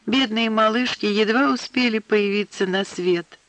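A man's voice: sits high, moderate pace, a bit bright, pitched above the performer's own voice, poor audio. A male narrator voicing a capricious, sulky teenage daughter in an audiobook, whiny and tearful.

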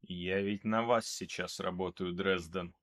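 A man reading an audiobook, voicing a cold, calm male mercenary who speaks in a flat, unhurried way. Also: low-pitched, pitched below the performer's own voice. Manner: flat, even, unhurried delivery.

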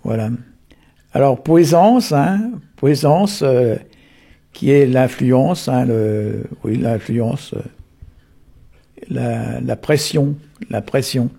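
A man, unhurried and full of tag words, explaining the origins of words. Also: medium pitch, gravelly, dark tone, breathy edge. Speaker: Breton language explainer. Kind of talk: explanatory talk on word origins.

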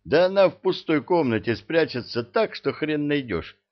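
A man's voice: on the high side, animated, normal speed, muffled recording, pitched above the performer's own voice, lightly acted. A man voicing a fussy, plump old male genie king who whines and frets in an audiobook. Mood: flustered. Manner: whiny, flustered, plaintive.

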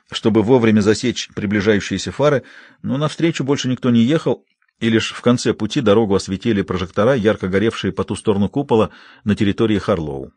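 A male audiobook narrator reading a novel in a steady, even storytelling delivery, recorded in a studio. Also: on the low side, no room sound. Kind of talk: scripted narration.

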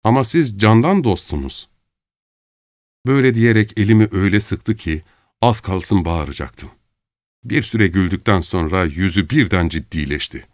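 A man narrating an audiobook in the first person, reading in a measured, expressive way. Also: low-pitched, dry recording, studio quality.

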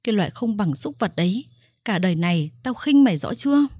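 A woman's voice: medium pitch, lively intonation, fairly quick, husky, no echo, clean studio sound. A woman voicing a young mother who has been tricked out of her baby, raging and sobbing. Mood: bitter, vengeful. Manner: shouting, sobbing, vengeful. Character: furious young mother, wronged mistress.

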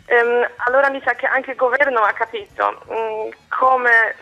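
A young Polish woman, a student, speaking Italian with a Polish accent in a phone interview, pausing to search for words. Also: on the high side, steady tone, pushed and bright, faint music behind. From Poland. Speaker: guest. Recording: muffled phone line.

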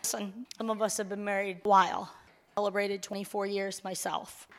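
A woman in her forties, a pastor giving a conversational sermon in a church, turning excited when she announces news. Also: medium pitch, moderate pace. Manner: warm conversational preaching, rising to excited announcements. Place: church sanctuary. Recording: long hall reverb.

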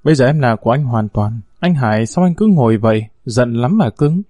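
A man's voice: mid-range voice, expressive, brisk, dark tone, no room sound, clean studio sound, natural voice. A man voicing a scheming, domineering female gang boss who talks with a sneer in a storybook reading. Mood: coaxing. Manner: sneering, swaggering talk.

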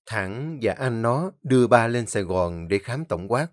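A man's voice: medium pitch, lively intonation, unhurried, dry recording, studio quality. A man narrating a dramatic story vividly.

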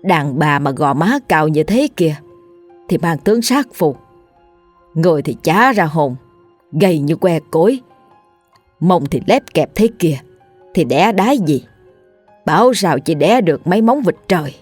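A woman's voice: low-pitched, expressive, a little slow, pauses often, darkish tone, faint music behind. A woman voicing a stubborn, scolding old village mother in a spoken ghost story. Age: older. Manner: nagging, scolding.

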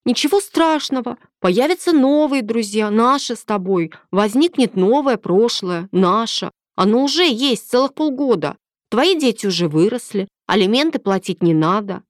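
A scheming young mistress of thirty, put on by a woman reading a story, pushing her demands in a raised, insistent voice. The pitch sits noticeably higher than the reader's own, and the sound is dry and close. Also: animated, normal speed, dry recording, close to an everyday voice. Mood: indignant.

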